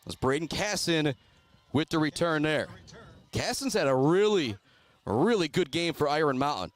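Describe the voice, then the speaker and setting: Excitable high-voiced man calling football. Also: normal speed, soft background music. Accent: Michigan. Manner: excitable, rises to shouting on big plays. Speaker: play-by-play announcer. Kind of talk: radio sports commentary.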